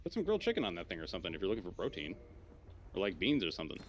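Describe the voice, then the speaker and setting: A man's voice: sits low, wildly swooping pitch, rapid-fire, slight background noise. A man chatting casually and informally as he guides other players through a video game on a stream. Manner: informal, swears freely. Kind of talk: casual gaming chat.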